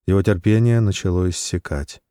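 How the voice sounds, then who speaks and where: A man reads a story aloud in a measured audiobook style. His voice is very low and mellow. The recording is dry and close. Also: clean tone, dry recording. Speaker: narrator. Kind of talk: audiobook narration.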